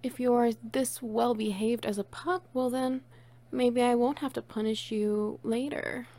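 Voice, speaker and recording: A woman's voice: on the high side, steady tone, unhurried, warm tone. A woman playing a playful, teasing, bossy friend in an intimate one-sided audio role-play, coaxing and doting on the listener. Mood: affectionate, cooing. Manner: teasing, coaxing, cooing praise.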